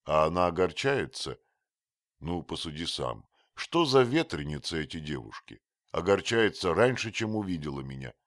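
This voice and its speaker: A man voicing a blunt, hot-tempered young archer who speaks loudly and forcefully in a read-aloud story. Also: low voice, sing-song, normal speed, dry recording, studio quality, pitched above the performer's own voice. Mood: gruff. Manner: loud and forceful.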